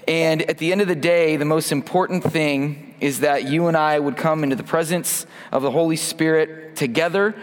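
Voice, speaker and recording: A man in his thirties preaches an informal sermon and prayer in a church hall, wearing a microphone and speaking in a casual, self-deprecating way with frequent restarts. His slightly high voice is fairly even in intonation, at a moderate pace with hardly any pauses, and carries a long reverb tail.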